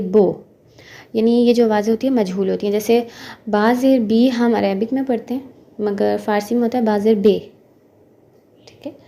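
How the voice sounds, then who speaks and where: Gravelly-voiced woman teaching a language lesson. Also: a little high, warm tone. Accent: Urdu-speaking. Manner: patient, explains step by step, often checks with "theek hai".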